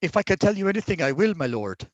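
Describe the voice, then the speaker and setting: A man's voice: sits high, big pitch swings, fast talker, dry recording, lo-fi sound, voice pushed up. A man voicing a nervous, deferential teenage Viking village boy in a tabletop role-playing game. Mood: eager, nervous. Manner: earnest, deferential.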